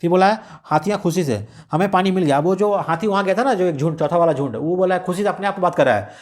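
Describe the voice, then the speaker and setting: A man's voice: sits high, quick pace. A man explaining a radio script lesson in a casual teaching style, mixing in English words and restarting often. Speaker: exam-prep teacher.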